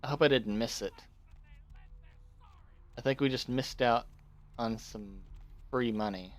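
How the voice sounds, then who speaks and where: Guy playing a game, casual commentary, muttering, average pitch. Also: unhurried. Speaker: video game player. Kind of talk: casual gameplay commentary, muttering while searching.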